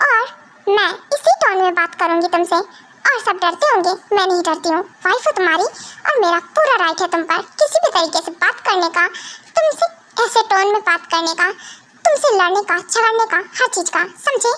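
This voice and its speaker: Girl doing a stubborn jealous young wife, teary, really high bright voice. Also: lively intonation, normal speed, full character voice. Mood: defiant. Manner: tearful, stubborn, insistent. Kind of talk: amateur fan dub.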